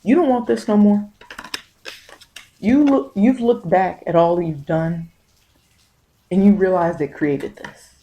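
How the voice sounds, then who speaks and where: Slow and full of pauses, a woman with a lowish, mellow voice comes through poor audio. She's a tarot reader whose informal, ASMR-flavored monologue of spiritual guidance speaks straight to the listener, using vernacular speech and emphatic repetition.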